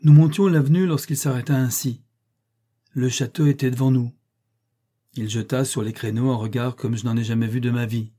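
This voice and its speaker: Man, audiobook narration, classic novel, measured, very dark voice, husky. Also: mid-range voice, steady tone.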